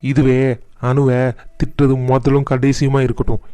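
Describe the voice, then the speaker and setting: A man's voice: medium pitch, monotone, moderate pace, warm tone, no room sound, natural voice. Man acting a sarcastic, fed-up young son. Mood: defiant, annoyed. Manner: sarcastic, complaining. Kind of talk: colloquial family cartoon drama dialogue.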